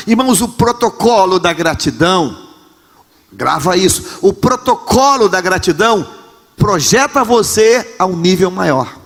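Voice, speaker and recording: A man preaching a Pentecostal sermon as pastor in a large church, with a Rio de Janeiro Brazilian Portuguese accent, impassioned, often shouting and repeating phrases. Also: sits high, big-room sound.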